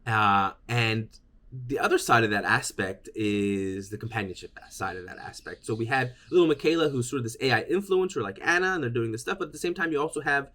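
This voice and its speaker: A man's voice: mid-range voice, fairly quick, sharp tone. A man giving a conference keynote in an informal, meandering way, often restarting his sentences. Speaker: keynote speaker.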